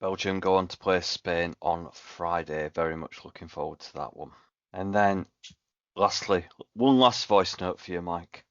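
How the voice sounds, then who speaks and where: A man's voice: low voice, unhurried, no room sound. A man hosting a podcast, linking segments in an upbeat presenter style. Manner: smooth presenter links, upbeat. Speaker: podcast host. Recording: dry, dull lo-fi podcast audio.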